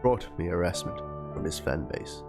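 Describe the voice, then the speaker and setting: A man with a deep, expressive voice gives a dramatic reading of a document and chat messages, speaking at a moderate pace. The performance is theatrical, and instrumental background music plays underneath.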